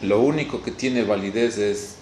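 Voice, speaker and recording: A man from Ecuador with an Ecuadorian Spanish accent preaches a sermon on video in a halting manner, repeating words and often saying "Gloria a Dios." His voice is fairly low and a little mellow, and the recording is roomy with a little hiss or hum.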